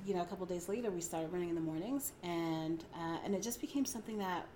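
A woman's voice: fairly low pitch, quick pace, dark tone. Woman in her forties, podcast guest, rambling, laughs a lot, faint room hum behind. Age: 40s. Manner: rambling, laughs often, many fillers. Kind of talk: casual interview chat.

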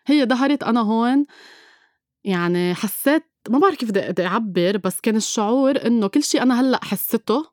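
A woman's voice: a little high, expressive, fast talker, a little mellow, no room sound, studio quality. A woman with a Lebanese Levantine Arabic accent tells a personal story as an interview guest, emphatically repeating phrases and mixing in English words.

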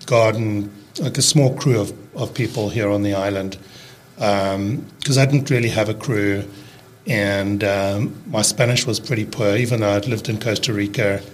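A man's voice: fairly low pitch, slight background noise. A South African man in his early fifties, a podcast guest talking casually about his work, with many restarts and fillers. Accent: South African, fading toward American. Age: 50s. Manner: halting, restarts a lot, fillers, relaxed. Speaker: podcast guest, landscaping business owner. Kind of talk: casual conversational interview.

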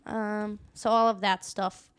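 A woman's voice: medium pitch, flat delivery, slow. A woman in her twenties chatting casually as a podcast guest in an echoey room. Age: 20s. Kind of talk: casual chat.

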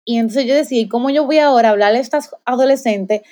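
A woman's voice: on the high side, very fast, warm tone. A young woman giving a heartfelt personal faith testimony in conversation, with many fillers and restarts. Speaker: guest sharing a faith testimony.

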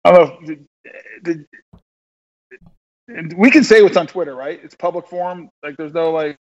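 A man co-hosting casual sports chat on the radio, halting and repeating himself. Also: fairly high pitch, poor audio. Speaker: radio show producer and co-host.

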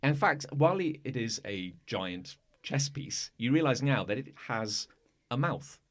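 A man running a tabletop game as game master, describing the scene in a loose, halting way. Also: mid-range voice, expressive. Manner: loose, halting, filler-heavy narration.

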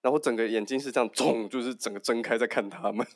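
Taiwanese mandarin guy, medium pitch, explaining stuff informally in a chat. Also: quick pace. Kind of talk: casual group discussion.

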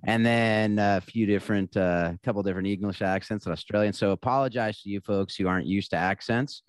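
A man with a deep voice talks through a casual podcast chat as co-host. He speaks in an earnest, coaching tone. The sound is dry and close, with no room around it. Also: steady tone, a little fast, no echo.

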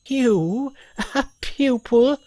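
A storyteller voicing a young fairy boy who keeps a cave door, teasing and brisk. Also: high voice, mellow, dry recording, voice pushed up. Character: young male fairy boy, cheeky doorkeeper.

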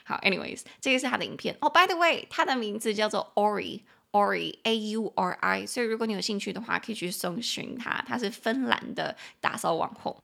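Bright, gravelly-voiced woman teaching English. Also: expressive. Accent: Taiwanese Mandarin. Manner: chatty and playful, spells out words slowly, bursts into high acted quotes. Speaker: podcast host teaching English. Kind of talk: casual English lesson podcast.

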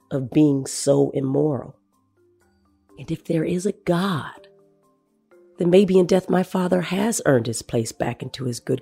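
A man telling the story of his late father in a measured, soft-spoken, reflective narration. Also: a little high, creaky.

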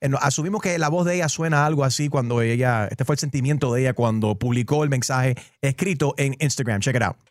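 A man hosting a lively radio call-in show, playful, mixing Spanish and English banter. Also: medium pitch, fast, few pauses, dry recording, studio quality. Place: radio studio.

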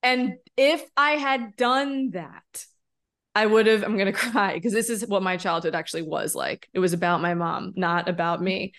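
A woman in her thirties co-hosting a podcast, talking in an emphatic, expressive, candid way and often tossing in a rhetorical "right?". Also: mid-range voice, moderate pace. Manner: candid, occasionally swearing. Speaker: podcast co-host. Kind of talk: casual podcast conversation.

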